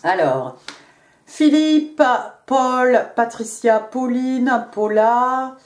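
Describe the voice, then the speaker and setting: A woman's voice: a little high, lively intonation, very slow, darkish tone, reverberant. A woman with an English accent giving a casual tarot reading in French, chatty with frequent hesitations and restarts. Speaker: tarot card reader.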